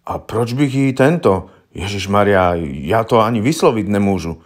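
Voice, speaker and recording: A man's voice: lowish voice, animated. A man playing a blunt simple farmer. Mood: plainspoken. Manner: plain, blunt, rustic speech. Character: simple, stubborn middle-aged male farmer accused of murder.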